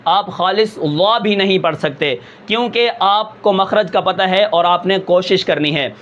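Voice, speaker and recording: A man with a fairly high voice teaches a tajweed pronunciation lesson, explaining patiently step by step. He poses questions and answers them himself, and now and then slows down to draw out a sound. The recording is somewhat dull and lo-fi. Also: fairly bright tone. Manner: patient, explanatory, asks himself rhetorical questions and checks in with "okay"; slows and draws out words to demonstrate sounds. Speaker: Quran recitation teacher.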